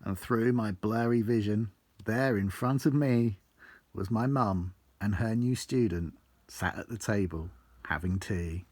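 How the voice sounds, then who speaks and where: Here an author reads from his own book of rhyming autobiographical verse, his voice fairly low and darkish, his pace measured. He tells his life story in a theatrical, blunt, sweary way, captured in a dry recording.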